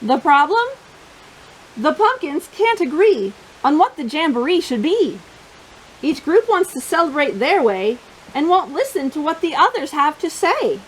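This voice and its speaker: Hosting a storytime for young listeners, a woman reads aloud from a picture book in a high, slightly slow, sing-song voice, playful and expressive, often speaking to the kids themselves. The recording is low quality.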